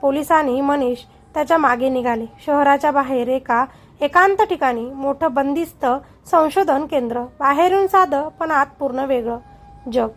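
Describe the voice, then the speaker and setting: A woman's voice: high-pitched, normal speed. A woman storyteller giving dramatic, suspenseful scripted narration.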